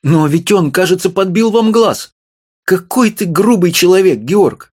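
A man reading an audiobook, voicing an agitated, shrill little wife who scolds her husband. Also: expressive, measured pace, a little mellow. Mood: indignant. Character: shrill furious little wife, middle-aged.

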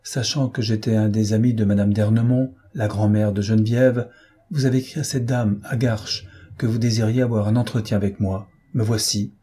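A man voicing an elegant young gentleman thief who speaks in a composed, courteous, reassuring way. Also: lowish voice, fairly even intonation, normal speed, slightly rough.

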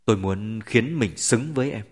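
A man's voice: animated, moderate pace. A man voicing an earnest remorseful young husband. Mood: firm. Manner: earnest, low and firm.

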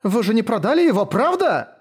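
A man's voice: very high-pitched, very animated, a little fast, slightly rough, voice pushed up, full character voice. A man reading an audiobook voices a polite, ceremonious young noblewoman priestess who is easily thrown into panic. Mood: panicked.

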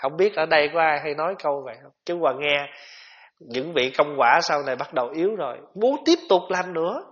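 A man giving a gentle, conversational Buddhist dharma talk, with rhetorical questions for his listeners. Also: fairly high pitch, lively intonation, a little fast. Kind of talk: sermon. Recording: dull lo-fi tape recording.

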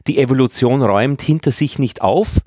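A man hosting a podcast in casual interview chat, asking quick, curious questions. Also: mid-range voice, darkish tone, breathy edge, no room sound, studio quality. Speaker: podcast host.

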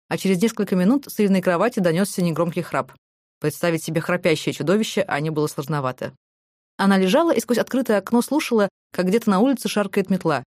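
A woman narrating a novel as an audiobook in a brisk, even storytelling manner. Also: lowish voice, dry recording, clean studio sound. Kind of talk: scripted narration.

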